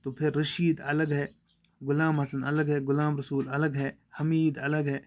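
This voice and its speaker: A man teaching young pupils, explaining points slowly and repeating them patiently. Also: a little high, little pitch movement. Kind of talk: classroom lesson for children.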